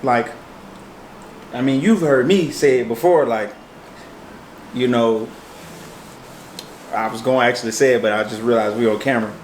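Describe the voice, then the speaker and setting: An American man chats casually in a medium-pitched voice. He thinks aloud haltingly and keeps checking he is understood. The room is echoey, with faint noise behind him. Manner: hesitant, thinking aloud, hedging with frequent checks. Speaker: co-host of a mukbang chat show. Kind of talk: casual relationship chat. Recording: roomy echo, faint background noise.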